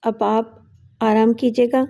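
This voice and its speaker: A cunning young woman, read by a woman narrator in an audio drama, coaxing and gentle on the surface with a cold purpose underneath. Her voice sits fairly high with a mellow, warm tone. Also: level tone, natural voice. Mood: falsely soothing. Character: scheming young woman poisoning her father.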